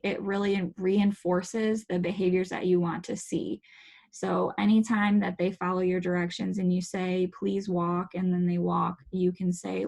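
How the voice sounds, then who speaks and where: A woman giving a calm, instructive talk to parents in a virtual workshop, modeling warm phrases to use with children, heard over a video call. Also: lowish voice, creaky. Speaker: parenting educator.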